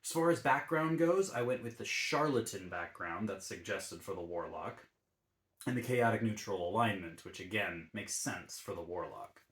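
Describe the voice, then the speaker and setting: Relaxed low-voiced man explaining a game class. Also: moderate pace, roomy sound. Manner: easygoing and explanatory, with frequent ums and uhs. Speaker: YouTube D&D channel host.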